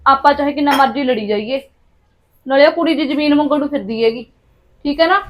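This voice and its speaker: An actress with a Punjabi accent playing a quarrelsome young wife in a joint family, snapping back sharply and demanding her share. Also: very high-pitched. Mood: conspiratorial. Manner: sharp, quarrelsome, rapid retorts. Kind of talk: short film acting.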